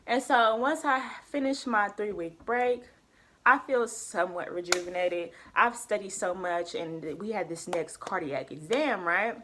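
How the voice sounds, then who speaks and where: Young woman, casual storytelling vlogger, lively, slangy, acts out the people she quotes. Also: medium pitch, a little slow, a little hiss or hum.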